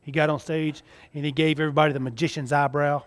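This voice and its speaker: Talking fast in a level tone with a voice that's a little high, a Southern-accented stage magician from Mississippi coaches a child volunteer, his live kids'-show patter showy and jokey like a party magician's.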